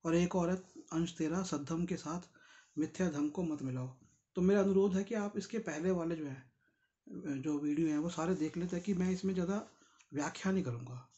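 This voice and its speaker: A man's voice: on the high side, normal speed, mellow, dull audio. Tired man explaining. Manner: conversational, explains terms, asks listeners directly. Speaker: reader and explainer of a Buddhist book. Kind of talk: casual spoken commentary on a read text.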